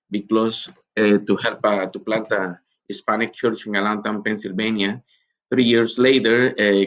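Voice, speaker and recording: A man from Guatemala, a missionary giving a recorded conference teaching talk in an earnest, halting way with many pauses. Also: fairly low pitch, a bit bright, lo-fi sound.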